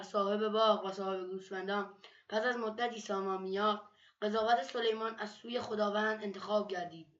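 A woman narrating religious stories from a book in a measured, steady storytelling manner. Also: medium pitch. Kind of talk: read-aloud book narration. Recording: dull lo-fi recording.

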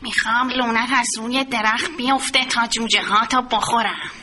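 A woman voicing a hungry, bullying fox who makes slow, blunt demands. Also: on the high side, fairly even intonation, bright, forceful tone, slight background noise. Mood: demanding.

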